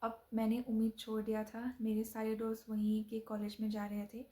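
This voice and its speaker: Speaking at a normal speed in a slightly high, monotone voice with a dark quality, this young Assamese woman shares something from her own life. She talks loosely, often using fillers, starting over, and slipping in English.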